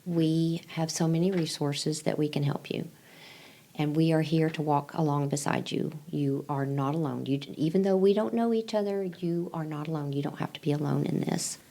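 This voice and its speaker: A woman, a pregnancy client advocate answering interview questions in a gentle, reassuring way, repeating key phrases. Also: low-pitched, moderate pace, vocal fry. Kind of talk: interview answers, counseling talk.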